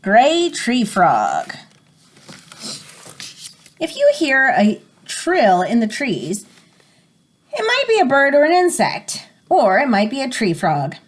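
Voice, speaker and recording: A woman with a slightly high voice reads an educational picture book aloud like a teacher, her pitch swinging hugely. She goes slowly and pauses often, stopping to define words and prompt her listeners.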